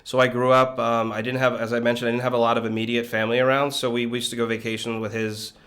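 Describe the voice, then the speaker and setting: A man in his thirties from Connecticut, a guest in an interview, talking in a relaxed, reflective way with many fillers. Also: mid-range voice, quick pace. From Connecticut, USA. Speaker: guest, business leader. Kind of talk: conversational interview.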